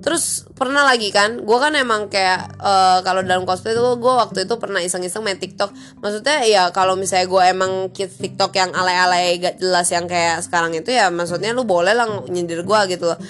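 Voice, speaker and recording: A woman's voice: mid-range voice, fairly quick, fairly bright tone, soft background music. Chatty young Indonesian woman venting. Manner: chatty, slangy, exasperated venting. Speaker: vlogger. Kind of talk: casual storytelling vlog.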